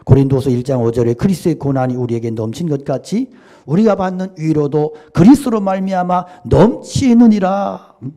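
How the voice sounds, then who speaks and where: A man preaching a Sunday sermon, swinging from loud exclamations to hushed, intimate asides. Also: fairly high pitch. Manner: sings hymn lines slowly. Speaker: pastor.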